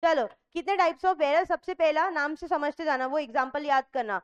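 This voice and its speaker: Indian woman, teacher, high-pitched, asks the class questions, mixes Hindi and English, muffled lo-fi recording. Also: moderate pace. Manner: lively, asks the class questions and answers them herself. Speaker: commerce lecturer. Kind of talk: classroom revision lecture.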